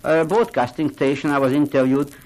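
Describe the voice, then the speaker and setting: The audio is poor, but this older Hungarian man's voice comes through on the high side and a little fast. He owns an art gallery and collects art, and in this radio interview he is lively and earnest, with non-native phrasing.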